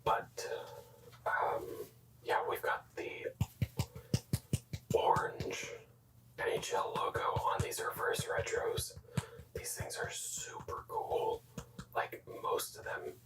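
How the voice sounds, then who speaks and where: A young adult whispering in a soft, unvoiced ASMR style, slowly repeating words and rambling through casual, self-correcting asides. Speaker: ASMR creator showing hockey jerseys. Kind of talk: whispered ASMR show-and-tell. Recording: echoey room, voice distant from mic.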